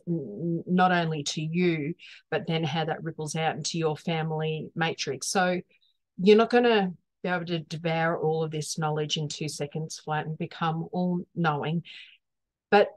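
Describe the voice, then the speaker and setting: Woman with a lowish voice, earnest wellness talk. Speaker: wellness teacher. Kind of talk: informal explanatory wellness talk.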